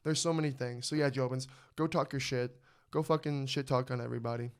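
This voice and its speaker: A young man hosting a podcast, chatting excitedly and swearing freely about a fight. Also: mid-range voice, fast talker, clear, resonant tone. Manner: excited, profane sports fan talk. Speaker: podcast host. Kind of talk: casual chat.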